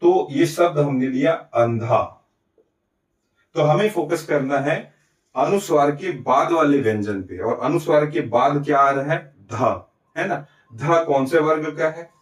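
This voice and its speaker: A man's voice: a little high, unhurried. A man teaching a Hindi grammar lesson with a Chhattisgarh accent, explaining step by step and answering his own questions. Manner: often adds "ठीक है?" and "है ना?" to check understanding. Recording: echoey room, recorded from a distance.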